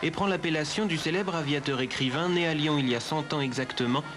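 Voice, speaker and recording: A man presenting a regional news roundup in a measured, crisp reporting voice. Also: a little high. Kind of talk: news narration.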